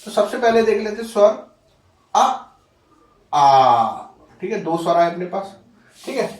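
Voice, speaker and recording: A man with a high voice teaches a grammar lesson in a patient, repetitive way. He keeps asking rhetorical questions and checking that the class is following. The recording carries a roomy echo. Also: a little fast, a little mellow, distant mic.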